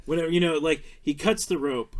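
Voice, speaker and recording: A man's voice: a little high, fairly quick. A man hosting a podcast, chatting casually about a film, rambling with lots of fillers, restarts and swearing. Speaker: podcast host.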